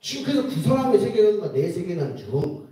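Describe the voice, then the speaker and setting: Male preacher, high lively voice, playful, acts out dialogue; mellow tone, distant mic, very echoey hall. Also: a little fast. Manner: animated, playful, acts out conversations and laughs often. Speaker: preacher at a winter church retreat. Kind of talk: lively sermon with acted-out dialogue. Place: retreat hall, indoors. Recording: roomy echo, mic heard from a distance.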